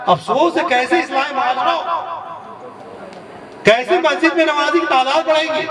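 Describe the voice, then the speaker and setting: A man's voice: very high voice, a bit bright. A man preaching a sermon, impassioned and scolding, often chuckling between his points. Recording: echoey and distant from the mic.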